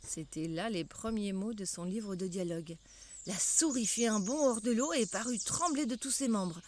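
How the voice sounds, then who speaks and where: An older woman reading a children's story aloud in a measured, expressive way. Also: mid-range voice, a little hiss or hum.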